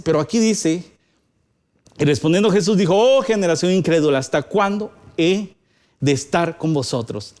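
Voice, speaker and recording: A man's voice: high-pitched, darkish tone. A man with a Guatemalan Spanish accent preaching a sermon, reading scripture aloud with rising and falling emphasis. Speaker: pastor.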